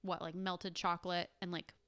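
A woman's voice: on the low side, level tone, moderate pace, fairly bright tone, clean tone. A young woman co-hosting a podcast in casual chat, sounding nasal and congested from a cold, talking chattily with lots of fillers. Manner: chatty, filler-heavy, laughs often. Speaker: podcast co-host.

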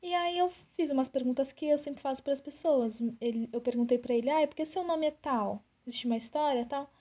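High, mellow young woman. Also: a little fast. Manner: animated, acts out quoted dialogue. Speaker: podcast co-host. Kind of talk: casual storytelling chat.

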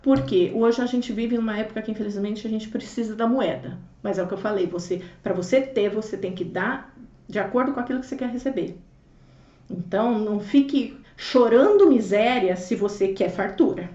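A woman sharing her story as an interview guest, expressive, acting out dialogue and swinging between loud and hushed. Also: medium pitch, quick pace. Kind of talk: animated personal testimony. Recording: roomy, distant, dull audio.

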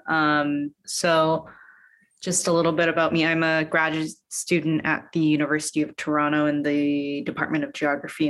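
A woman from Vancouver, a graduate student, introducing herself in a measured way with filler ums. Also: sits low, fairly bright tone. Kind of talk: casual group discussion.

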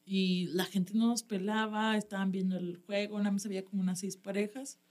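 Mexican woman comedian, casual chat, animated storytelling, laughs a lot, slangy, mid-pitched voice. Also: brisk. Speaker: stand-up comedian, guest.

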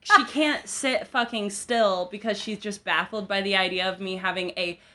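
A woman's voice: medium pitch, steady tone, moderate pace, pushed and bright. Chatty young woman hosting a podcast. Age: 20s. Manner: joking, teasing, chatty with many fillers. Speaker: podcast host. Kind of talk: casual chat. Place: home.

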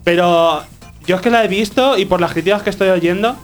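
A man's voice: high voice, a little fast, soft background music. A man co-hosting a gaming podcast, chatting enthusiastically and often restarting his sentences. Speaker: podcast co-host. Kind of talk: casual chat.

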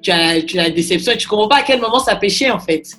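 A man interviewing a guest, gently summing up what she has said. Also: sits high, animated, fast, faint music behind.

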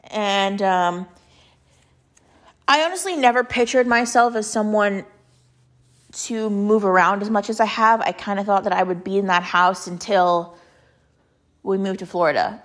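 A young woman in her late teens with a congested, stuffy-nosed voice, chatting casually and confidingly in a personal monologue, with halting, filler-heavy phrasing. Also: medium pitch. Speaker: podcast host.

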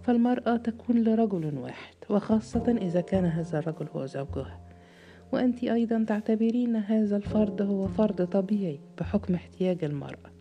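A woman voicing a calm, condescending middle-aged male psychiatrist who speaks in a cool, measured, lecturing way. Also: medium pitch, creaky, dull audio, lightly acted.

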